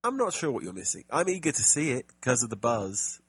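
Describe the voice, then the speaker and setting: A man's voice: mid-range voice, sing-song, brisk, slightly rough, no room sound. A man co-hosting a casual gaming podcast, chatty and jokey, with plenty of fillers and restarts. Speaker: podcast co-host.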